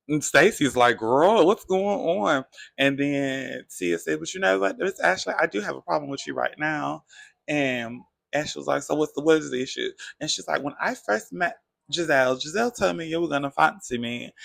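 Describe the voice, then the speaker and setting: A man's voice: medium pitch, creaky, dry recording. A man casually recapping a reality TV episode, chatty and gossipy, acting out the cast's lines as he retells them. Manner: chatty, animated retelling with quoted voices.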